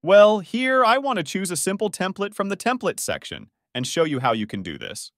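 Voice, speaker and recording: A man talks through a software tutorial, his pitch moving in a lively way. He explains each step plainly and in order. The sound is close and dry, with no room echo. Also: moderate pace. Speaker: tutorial narrator. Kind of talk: screen-recording tutorial narration.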